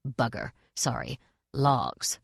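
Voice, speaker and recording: A cheerful old storybook witch, earthy and shameless as a woman narrator plays her. Her voice drops low and chatty, and it is recorded close and dry. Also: sing-song, slow pace, vocal fry, husky, no echo, exaggerated voice. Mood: cheeky.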